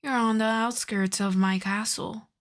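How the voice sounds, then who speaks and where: A woman playing an ancient aristocratic vampire countess in an ASMR roleplay, soft and breathy with whispers, speaking in a refined, coy, teasing way. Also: a little high, steady tone, a little slow, close to an everyday voice. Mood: proud, coaxing. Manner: refined, coy, formal old-fashioned phrasing. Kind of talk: ASMR roleplay, slow intimate scripted monologue.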